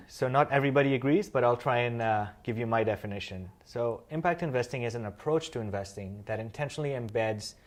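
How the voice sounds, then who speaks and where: A man in his thirties from Kenya, a guest in an interview, explaining his work in a measured way with frequent "um" fillers. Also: mid-range voice. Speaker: interview guest, social finance founder. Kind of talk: conversational interview answers.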